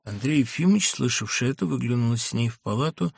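Man reading a classic novella, gravelly. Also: mid-range voice, dry recording. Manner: measured, expressive reading. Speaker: audiobook narrator. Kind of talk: literary audiobook reading. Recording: dry studio recording.

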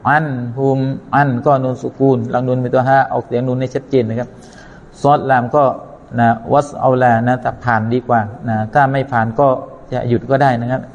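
A man's voice: medium pitch, darkish tone, highs cut off. A man teaching Quran recitation, chanting verses and then explaining pronunciation step by step in a careful lesson. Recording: long reverberant hall.

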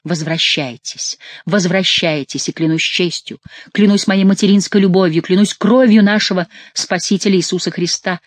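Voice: medium pitch, fairly even intonation, moderate pace, no room sound, lightly acted. A reader voicing an aging queen mother who is imperious yet pleading, in a theatrical audiobook reading. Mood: coaxing.

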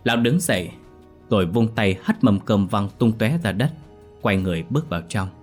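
A man telling a ghost story with steady, dramatic scripted narration. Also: lowish voice, moderate pace. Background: faint music.

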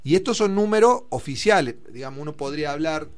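A man's voice: fairly high pitch, lively intonation, fast talker. A man with an Argentine accent, explaining figures in a discussion program and thinking aloud with fillers. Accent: Argentine Spanish.

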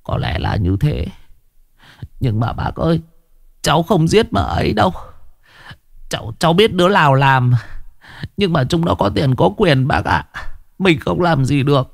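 A man's voice: on the high side, big pitch swings, normal speed, creaky, long pauses, no echo, studio quality, pitched above the performer's own voice, exaggerated voice. A man doing a sobbing, stammering young villager. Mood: tearful pleading. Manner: tearful, stammering pleading. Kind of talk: storybook ghost tale voice acting.

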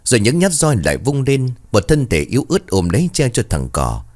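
A man's voice: medium pitch, huge pitch swings, fairly quick, a little mellow. A man narrating a ghost story in a dramatic reading style, voicing every character himself.

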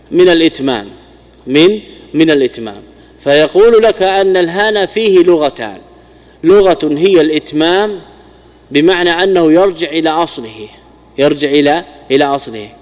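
A man's voice: on the high side, darkish tone, long reverb tail. A man, a scholar, giving a classical grammar lesson, often repeating and restarting words as he explains. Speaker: Islamic scholar teaching Arabic grammar.

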